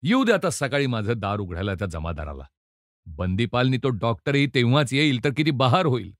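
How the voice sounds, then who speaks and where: A man's voice: mid-range voice, big pitch swings, fairly quick, no room sound, studio quality, lightly acted. A man doing a jeering, vengeful convict. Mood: scheming. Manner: taunting, jeering, crude. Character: vengeful, foul-mouthed male convict, cunning and defiant.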